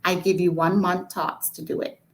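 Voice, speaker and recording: A woman reading aloud the lines of a loving male pastor in his early forties, in her own low voice. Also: level tone, moderate pace, a little hiss or hum, natural voice, low-quality recording. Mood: tender. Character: loving pastor husband, man around forty.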